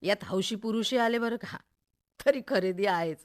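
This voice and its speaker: A woman's voice: mid-range voice, normal speed, natural voice. A woman playing a chatty, opinionated middle-aged mother in a radio play, confiding and gossipy, with a Maharashtrian accent. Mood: wry complaining. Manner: gossipy, expressive, confiding, rhetorical questions.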